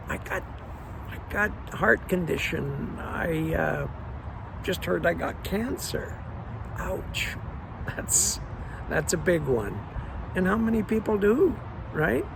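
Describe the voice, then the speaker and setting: Gravelly man coaching. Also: high voice, a bit bright, slight background noise. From Croatia. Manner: earnest, encouraging, repeats words, slows for emphasis. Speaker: life coach. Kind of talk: motivational monologue.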